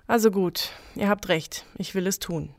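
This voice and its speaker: A woman's voice: mid-range voice, normal speed, no room sound, studio quality, natural voice. A woman voicing an earnest, lovesick young squire who speaks formally in a spoken legend.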